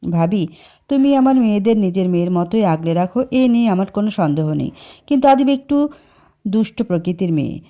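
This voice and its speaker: Woman doing a gentle worried mother. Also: mid-range voice, expressive, brisk, lightly acted. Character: worried, gentle middle-aged mother from a village.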